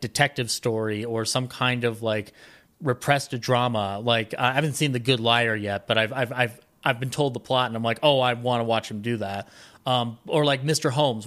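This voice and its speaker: An American man from Colorado, a podcast guest, chats casually in a mid-range, slightly bright voice about films and his life, rambling with a film buff's enthusiasm.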